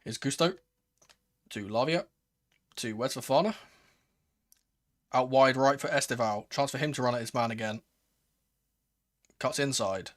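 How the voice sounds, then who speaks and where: A man hosting a live football watchalong, calling the play in a casual, excitable fan's manner. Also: medium pitch, a little slow, pauses often. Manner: excitable, swearing, shifting from murmured play-by-play to raised exclamations. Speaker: host of a football watchalong stream. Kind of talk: live football commentary with casual fan reactions.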